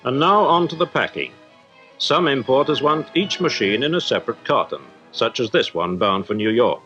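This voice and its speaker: The voice is mid-range, bright and forceful: a British man acting as an industrial correspondent in a 1950s newsreel, giving an expressive, formal report from a script at normal speed. Behind him, music fills a dull newsreel soundtrack.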